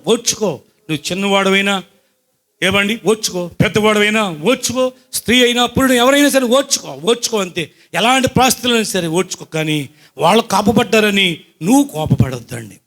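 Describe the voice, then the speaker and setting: A high-voiced man preaching to his congregation, mixing personal testimony with scripture. He tells his story with questions to the listeners and shifts from loud, excited bursts to quiet asides.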